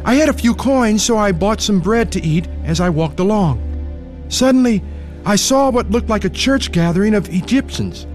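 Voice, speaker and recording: A man's voice: high voice, animated, moderate pace, darkish tone, faint music behind. A man from Ethiopia narrating his own story in an earnest first-person radio drama. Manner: earnest, pleading when frightened. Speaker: narrator and lead character.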